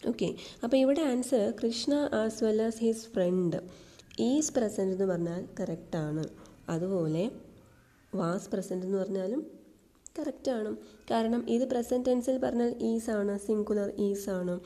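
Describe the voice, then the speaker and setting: Woman tutoring grammar, slow and soft, reads each sentence out word by word. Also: medium pitch. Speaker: exam coaching teacher. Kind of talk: explaining English grammar questions.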